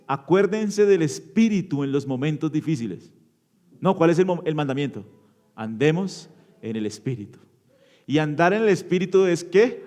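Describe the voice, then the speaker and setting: A man preaching an interactive sermon in a church, asking the congregation questions and answering them, shifting from loud emphatic bursts to low quiet endings. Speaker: pastor.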